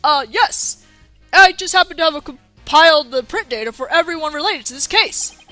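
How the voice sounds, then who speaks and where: A woman voicing an overly helpful male detective in a game dub, loud and keen, sometimes stumbling over words. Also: high-pitched, expressive, moderate pace, dry recording, soft background music. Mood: eager. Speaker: let's play voice actor.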